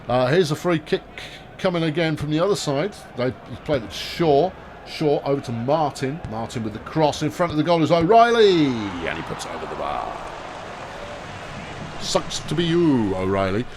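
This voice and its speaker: A man's voice: medium pitch, noisy background. A man commentating casually on a football management game, with a dry, sarcastic, chatty manner. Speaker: gaming commentator.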